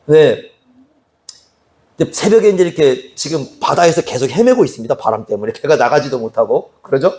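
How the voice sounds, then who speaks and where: A man's voice: fairly high pitch, animated, a little fast, a little mellow. A male pastor preaching an expository sermon in a conversational way, often asking the congregation questions. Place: church sanctuary.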